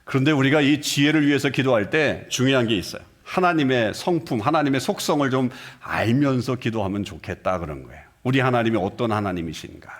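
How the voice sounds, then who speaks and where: A man's voice: medium pitch, lively intonation, brisk, hardly any pauses. A middle-aged man preaching a sermon as senior pastor, asking the congregation rhetorical questions and acting out short dialogues. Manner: acts out short dialogues with shifting voices. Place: church sanctuary.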